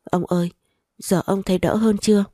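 A woman's voice: medium pitch, fairly even intonation, moderate pace, dark tone, no room sound, studio quality, lightly acted. A woman reading the lines of an emotional young woman who speaks tearfully in an audiobook romance.

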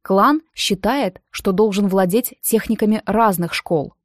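A woman's voice: mid-range voice, unhurried, no echo, studio quality, natural voice. Woman voicing a gossipy young male student. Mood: hushed warning. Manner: hushed, gossipy confiding tone. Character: chatty young male student, confiding and pushy.

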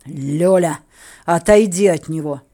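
A woman voicing a jealous, dark-haired male count who growls his demands, in an audiobook read. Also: on the high side, steady tone, slow pace, creaky, pitched below the performer's own voice. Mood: angry. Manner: growling, forceful.

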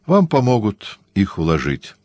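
A man voicing a cool-headed Jesuit priest who asks measured, probing questions. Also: lowish voice, huge pitch swings, a little mellow, dry recording, voice pushed up, full character voice. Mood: calm.

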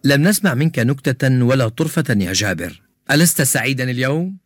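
A calm, knowledgeable science buff from a children's radio drama, voiced by a man. He explains things steadily in a mid-range voice, recorded close and dry. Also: medium pitch, brisk, dry recording, lightly acted. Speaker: science expert character in a radio show.

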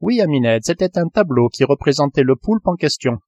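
A man's voice: a little high, lively intonation, fairly quick, a little mellow, dry recording. A man doing a serious, pedantic manservant. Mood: earnest. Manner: serious, unflappable. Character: earnest, pedantic male manservant.

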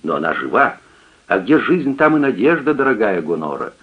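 A man voicing an agitated young gentleman in love, urgent and pleading, heard as a tinny radio recording. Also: on the low side, sing-song, normal speed, slightly rough. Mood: relieved.

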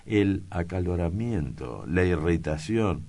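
A man's voice: low-pitched, lively intonation, slow pace, darkish tone, heavily acted. A man voicing a timid old male secretary who speaks in ornate, obsequious phrases. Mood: fussy.

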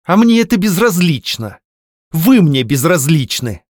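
A man's voice: a little high, big pitch swings, quick pace, a little mellow, no echo, studio quality, pitched above the performer's own voice. A man voicing a cold, defiant young woman. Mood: angry defiance. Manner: cold, clipped, haughty.

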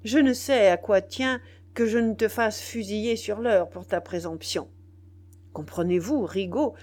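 A woman's voice: low voice, breathy edge, pitched below the performer's own voice, exaggerated voice. Woman doing a crafty, furious rebel general. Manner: loud, scolding, raised voice. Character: imperious, crafty rebel general, angry and mocking.

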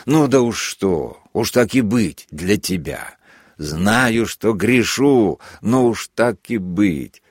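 Man reading as a sadistic lieutenant, sanctimonious, syrupy, gleeful, low voice, lively swings. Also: slow, no room sound, studio quality. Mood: mock-gentle. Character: sadistic mock-kindly male army lieutenant.

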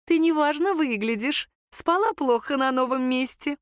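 A woman voicing an older mother-in-law who talks in a high, breaking, soft and ingratiating voice. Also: expressive, moderate pace, dry recording, clean studio sound. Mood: coaxing.

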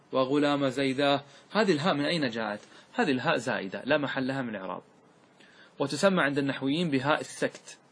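A man teaching Arabic grammar in a classroom lecture. He keeps asking his students questions, repeats key words and draws out example words slowly. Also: medium pitch, a bit bright, husky.

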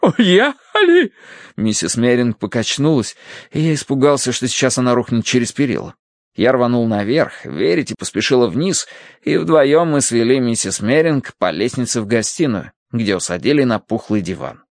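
Lively male audiobook narrator. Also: mid-range voice, normal speed, no echo, clean studio sound. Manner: lively, expressive. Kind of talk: scripted narration.

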